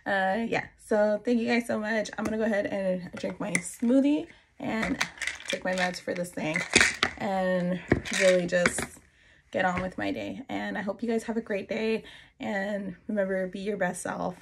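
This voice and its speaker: A woman's voice: mid-range voice, fairly even intonation, moderate pace. A woman in her thirties chatting casually and rambling as she gets ready, recorded on a phone in a bedroom. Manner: rambling, talking to herself while busy. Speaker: lifestyle vlogger. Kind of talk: casual get-ready-with-me chat. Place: small bedroom indoors. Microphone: phone propped at about arm's length. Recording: clear background noise and clicks.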